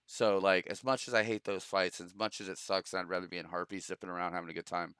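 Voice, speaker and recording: Young male streamer, crisp bright voice, loose and profane, laughs often, dry close mic. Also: low-pitched, little pitch movement, fast talker, no echo. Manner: loose, profane, laughs a lot, bro talk. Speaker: streamer hosting a game show. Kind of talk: casual gaming stream chat.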